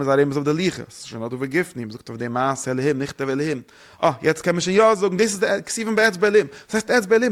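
A man giving a spoken religious lesson, rambling quickly and posing rhetorical questions to his listeners. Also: a little high, fairly bright tone. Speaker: religious teacher.

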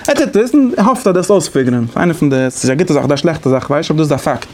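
A man's voice: on the high side, rapid-fire, darkish tone. A man giving a lecture, explaining conversationally and thinking aloud as he goes. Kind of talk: lecture on interpretation methods.

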